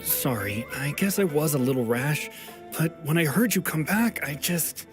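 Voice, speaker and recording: Guy doing a humble nervous game fugitive, apologetic, voice a bit high, soft music under it. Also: expressive, moderate pace, natural voice. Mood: anxious, sheepish. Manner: hesitant, humble. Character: nervous, apologetic, polite male fugitive in hiding. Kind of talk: video game voice acting.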